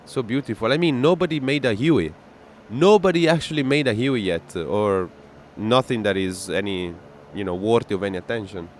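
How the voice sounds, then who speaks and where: A man's voice: fairly low pitch, lively intonation, moderate pace, hardly any pauses, slight background noise. A man, streaming a flight simulator and chatting casually with his viewers, often answering their messages and laughing easily. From Italy. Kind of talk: casual live-stream chat. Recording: music playing behind.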